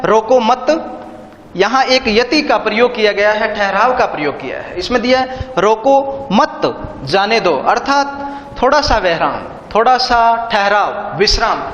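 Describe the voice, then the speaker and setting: A man teaching an online literature lesson, explaining slowly and repeating key terms with synonyms. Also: high-pitched, a bit bright. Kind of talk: online Hindi literature lecture. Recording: echoey room, dull lo-fi sound.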